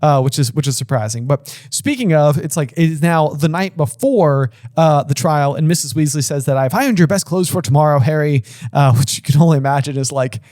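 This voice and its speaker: A man's voice: a little high, brisk, few pauses, darkish tone, dry recording, clean studio sound. A man co-hosting a casual book-discussion podcast, rambling and filling his talk with "like" and restarts. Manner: rambling, heavy use of "like", restarts. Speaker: podcast co-host.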